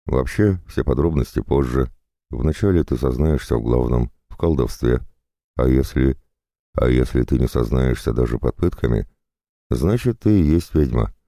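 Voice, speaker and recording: A man's voice: rumbling low, moderate pace, warm tone, dry recording, clean studio sound. A man voicing a burly, drunken jailer-monk who lectures and leers at his prisoner in a storybook reading. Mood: preachy. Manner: preachy, leering.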